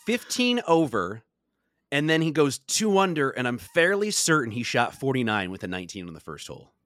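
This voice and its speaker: A man's voice: medium pitch, sing-song, fairly quick, a bit bright, no room sound, studio quality. A young adult man co-hosting a podcast, telling a story in a casual chat with lots of laughs. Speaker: podcast co-host.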